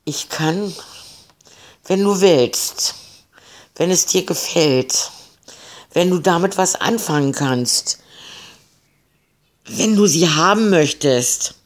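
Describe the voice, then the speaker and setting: A man's voice: on the high side, lively intonation, very slow, pauses often, voice pushed up. A man voicing a frightened male ship captain who pleads and stammers. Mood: pleading.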